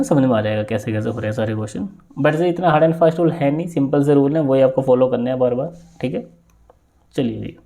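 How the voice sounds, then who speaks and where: Guy teaching maths for exams, mellow voice, keeps checking u got it. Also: on the high side. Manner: steady step-by-step explaining with frequent check-in questions. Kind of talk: exam-prep maths lesson.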